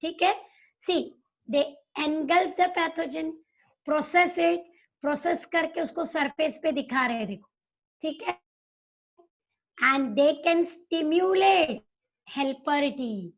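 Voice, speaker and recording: A woman teacher with an Indian accent giving an online biology lecture, explaining step by step in Hindi and English and checking that students follow. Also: high voice. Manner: explains slowly, switching between Hindi and English, checking understanding. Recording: dull lo-fi online class audio.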